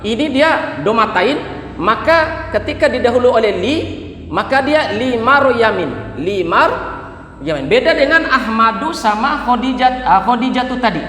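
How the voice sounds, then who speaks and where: Male teacher, high-pitched, patient drilling of example sentences, echoey classroom sound. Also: animated, pushed and bright, a little hiss or hum. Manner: repeats example phrases slowly, then translates. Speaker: Arabic teacher. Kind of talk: beginner grammar lesson. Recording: echoey room with long reverb.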